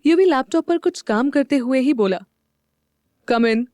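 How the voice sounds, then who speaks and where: A woman's voice: high voice, expressive, a little fast, warm tone, dry recording, clean studio sound. A woman narrating a scripted audio drama, reading all the parts herself.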